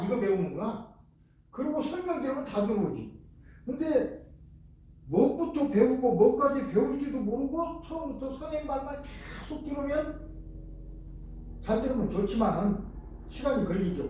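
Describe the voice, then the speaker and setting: An older man, a professor giving a lecture, talking in an animated, emphatic way and repeating his key words. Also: extremely high pitch. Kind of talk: lecture on speed reading. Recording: echoey room, voice from far off.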